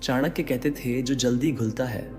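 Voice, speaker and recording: A man's voice: medium pitch, steady tone, normal speed, a little mellow. A man giving dramatic motivational narration, speaking straight to the listener with rhetorical questions. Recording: long reverb with faint background music.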